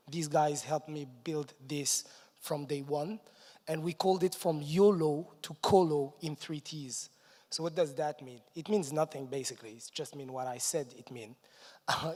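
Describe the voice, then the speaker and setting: Guy giving a conference talk, upbeat, little chuckles, voice echoing around a huge hall. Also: a little high. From Morocco. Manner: energetic, chuckles between points. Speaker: conference speaker. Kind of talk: stage presentation. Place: large conference hall stage. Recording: long reverb of a large hall.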